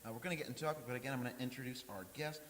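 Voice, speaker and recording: A man hosting a casual podcast, animated and joking, laughing often. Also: medium pitch, racing. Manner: lively, laughs often, jokey. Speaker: podcast host. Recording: hissy audio with long reverb.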